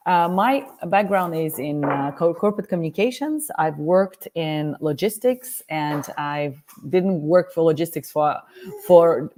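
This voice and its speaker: A woman's voice: deep voice, unhurried, mellow. A woman from Uzbekistan, a diversity consultant, introducing herself on a video-call panel with earnest, repeating speech. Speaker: guest speaker, diversity consultant.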